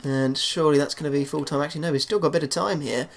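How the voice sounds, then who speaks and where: Excitable man commentating a football game. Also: rapid-fire, gravelly. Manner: excitable, shouts goals then drops to a low murmur. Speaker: gaming YouTuber. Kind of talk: live commentary over a football video game.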